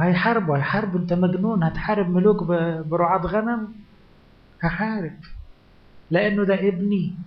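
A somewhat high-pitched man with an Egyptian Arabic accent preaches a sermon, firing rhetorical questions at his audience and acting out scripture stories. His voice rings through a roomy conference hall. The conference tape sounds dull and lo-fi. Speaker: priest.

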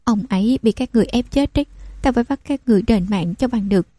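A woman's voice: a little high, fast talker, warm tone, no room sound, clean studio sound, lightly acted. A woman voicing a scheming village widow who stammers and wails defensively. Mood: wailing.

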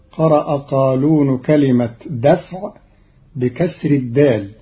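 A man explaining Quran readings in a measured, deliberate scripted radio talk, from an old archival radio recording. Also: fairly high pitch, highs cut off.

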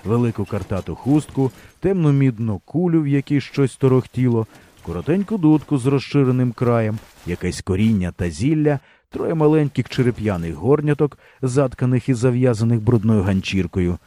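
A man reading a historical novel aloud as an audiobook narrator, with expressive storytelling. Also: medium pitch, moderate pace.

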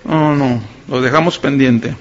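A middle-aged male pastor preaching to a congregation, reading scripture verses slowly and putting rhetorical questions to his listeners. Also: medium pitch, steady tone, dull audio. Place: church before a live congregation.

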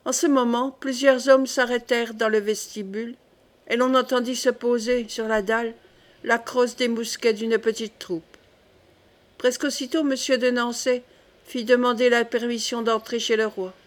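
A woman narrating a classic historical novel in a steady, clear reading style. Her voice sits somewhat high. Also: normal speed. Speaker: audiobook narrator. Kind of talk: audiobook narration.

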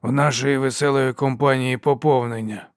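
A man's voice: mid-range voice, fairly even intonation, normal speed, no room sound, studio quality, lightly acted. A man voicing a crippled male inquisitor with a wry, sardonic manner.

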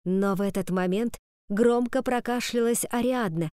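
A woman reading an audiobook in first-person narration with a measured storytelling delivery. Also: fairly high pitch, a little mellow, clean tone, no echo, studio quality. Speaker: audiobook reader.

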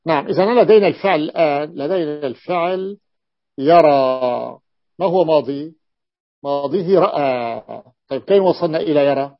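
A man with a fairly high voice teaching grammar, walking through word patterns step by step and repeating each key form. The recording is dull and lo-fi. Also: fairly quick. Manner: repeats key forms and invites the reader to continue. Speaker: teacher of Arabic morphology. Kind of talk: explaining a classical grammar text.

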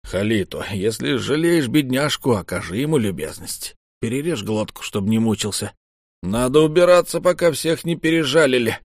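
A man's voice: mid-range voice, expressive, normal speed, no echo, studio quality. A man voicing a whiny, panicky middle-aged male merchant in a storybook, plaintive and wailing. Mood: brisk order.

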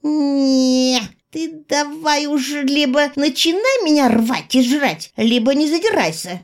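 Woman doing a cheeky young girl, high voice, lively singsong, unhurried teasing. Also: exaggerated voice. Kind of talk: audiobook character voice.

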